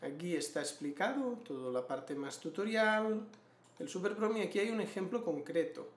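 A man, walking through a screen-share tutorial and clearing his throat often. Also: high voice, animated, moderate pace. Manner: explanatory, frequent throat clearing. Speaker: trading educator. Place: small room indoors. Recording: roomy echo.

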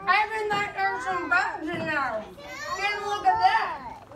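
A woman playing a goofy explorer sidekick in a church kids' skit, with a squeaky, very high put-on voice and giggles through her telling. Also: lively intonation, unhurried, very noisy. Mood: giggly storytelling. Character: goofy, giggly explorer sidekick who snacks on bugs and mushrooms. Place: large church hall. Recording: echoey hall, far mic, loud kid audience.

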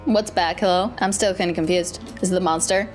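A woman in her twenties giving excitable, animated game commentary as a video host. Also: lowish voice, a little fast, soft background music. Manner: dramatic, animated. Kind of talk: excitable game commentary, reading dialogue aloud. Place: indoor room at home.

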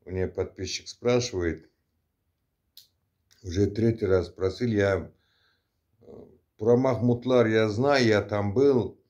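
A man with a low, dark voice talks casually to his viewers, answering a question in a halting way full of fillers and restarts. The recording sounds dull and lo-fi. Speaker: vlogger answering a subscriber. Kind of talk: casual vlog talk. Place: indoors at night.

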